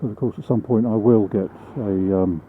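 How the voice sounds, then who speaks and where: A man's voice: fairly low pitch, fairly even intonation, moderate pace. Tinny British man talking inside a helmet. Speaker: motorcycle vlogger. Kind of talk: casual vlog monologue while riding. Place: inside a helmet on a moving motorbike, outdoors. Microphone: small microphone mounted inside the helmet. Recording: phone-like helmet microphone, clear vehicle noise. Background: vehicle and road noise.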